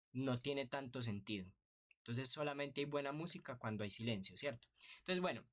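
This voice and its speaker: A man's voice: medium pitch, a bit bright. A man teaching an online music theory lesson, patient and explanatory, often checking in with rhetorical questions.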